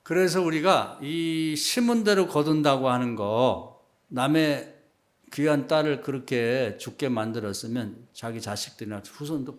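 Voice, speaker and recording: A middle-aged man delivers a Sunday sermon in a mid-pitched voice. He preaches in an easy, conversational way, suddenly rising to loud, forceful emphasis before falling back into soft, murmured asides. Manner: conversational preaching, acts out quoted remarks in a low hushed voice; swings between loud emphatic peaks and quiet asides. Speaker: pastor.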